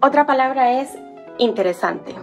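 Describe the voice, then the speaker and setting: A woman's voice: sits high, animated, soft background music. Woman patiently spelling out syllables. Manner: patient, spelling out sounds slowly. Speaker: language teacher. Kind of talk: explaining on a whiteboard.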